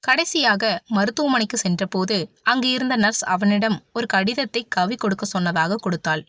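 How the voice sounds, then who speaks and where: A woman narrating a romance novel as an audiobook, in a steady storytelling manner. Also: mid-range voice, normal speed, dry recording. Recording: dull, dry audiobook recording.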